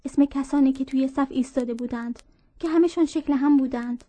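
High-voiced woman narrating a story. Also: dark tone, dry recording. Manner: measured storytelling with dialogue read in. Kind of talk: audiobook narration.

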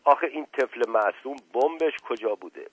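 A man's voice: mid-range voice, lively intonation, fairly bright tone, slightly rough, dry recording. A man voicing a playful, witty aristocratic middle-aged man who teases and gives orders. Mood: teasing, urgent. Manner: teasing, commanding. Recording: narrow phone-like band, dry.

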